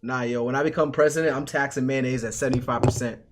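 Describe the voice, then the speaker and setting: A man's voice: mid-range voice, steady tone, fast talker, background noise. A young man co-hosting a podcast, talking casually and playfully, laughing often. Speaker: podcast co-host. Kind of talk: casual chat on a live stream.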